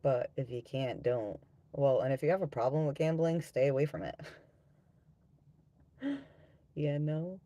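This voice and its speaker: A man with a gravelly, smoker-like voice hosting a casual live stream, talking bluntly to viewers and swearing freely. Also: medium pitch, measured pace, long pauses, mellow. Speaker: live stream host and tarot reader.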